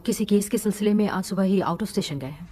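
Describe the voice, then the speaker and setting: A woman in a Hindi dub, playing a composed assistant who calmly reassures a scared young man. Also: medium pitch, brisk, husky, close to an everyday voice. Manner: calm, reassuring, mixes in English. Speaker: detective's assistant. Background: music.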